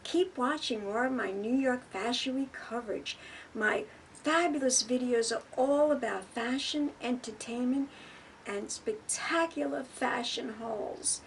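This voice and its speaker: A woman's voice: fairly high pitch, a little slow, gravelly, slight background noise, low-quality recording. A woman hosting an online show, talking to viewers in a theatrical, gushing presenter style. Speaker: online show host and interviewer.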